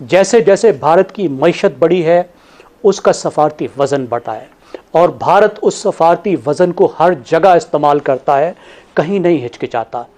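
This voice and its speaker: A man on a TV panel, laying out his analysis point by point in a measured way. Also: fairly high pitch, lively intonation, darkish tone. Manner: measured, listing points in order.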